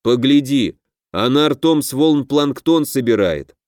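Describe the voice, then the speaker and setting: A man's voice: mid-range voice, lively intonation, unhurried, darkish tone, no echo, clean studio sound, natural voice. A man voicing a grand, self-important half-orc pirate who would be king in an audiobook. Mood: haughty.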